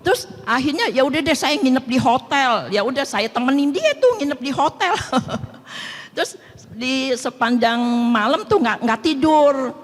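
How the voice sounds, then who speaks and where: A woman with a high voice tells a personal testimony in a chatty way. She acts out each side of the dialogue in her story. Her voice rings through a large church hall with a long reverb. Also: expressive, measured pace. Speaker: testimony speaker at a prayer meeting.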